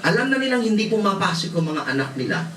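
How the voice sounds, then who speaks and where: A man's voice: high-pitched, big pitch swings, fast talker, fairly bright tone. A male pastor from the Philippines preaching a sermon, telling stories with laughter and mixing in English. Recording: roomy hall, voice from far off, faint noise.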